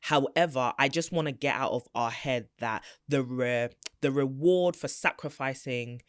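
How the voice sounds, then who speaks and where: A woman's voice: very deep voice, measured pace, dry recording, clean studio sound. A woman co-hosting a podcast, telling a personal story in an earnest, emphatic way. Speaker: podcast co-host. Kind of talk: casual podcast chat.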